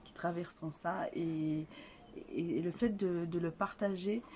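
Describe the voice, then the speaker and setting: A woman's voice: fairly low pitch, fairly even intonation, measured pace, mellow, a little hiss or hum. An older woman from Rwanda, an author answering interview questions in a hesitant way, full of fillers and restarts. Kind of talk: casual interview.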